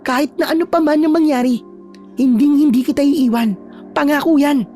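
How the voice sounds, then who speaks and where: A woman voicing a feisty young woman who is a loyal friend, talking in a brisk, scolding but reassuring way. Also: sits high, warm tone, soft background music, natural voice. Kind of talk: storytelling with acted dialogue.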